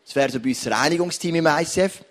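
A man's voice: a little high, fast talker, fairly bright tone. A man preaching a sermon, repeating key words for emphasis. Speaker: pastor.

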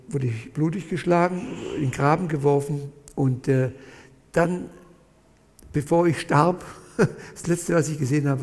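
A man tells his own life story to a gathered audience. His voice sits a little high, and he talks in halting bursts, turning often to his listeners. The sound carries a long hall echo. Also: gravelly. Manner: animated, halting storyteller, addresses listeners directly. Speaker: speaker giving a testimony. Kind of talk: personal testimony to an audience.

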